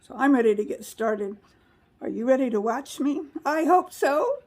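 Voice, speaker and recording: A woman's voice: a little high, moderate pace, a little mellow, poor audio. A woman chatting casually in a home vlog while sorting dried seed pods indoors, rambling and correcting herself as she goes. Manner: rambling, homey, self-correcting. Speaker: home gardening vlogger. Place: indoor plant room with newspaper on carpet. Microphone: camera mic set up nearby.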